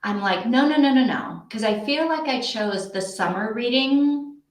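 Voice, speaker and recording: Hosting a live reading sprint stream, a woman chats casually and rambles as she thinks aloud. Her voice sits on the high side with lively intonation at a normal speed, and the untreated indoor room gives the sound an echo.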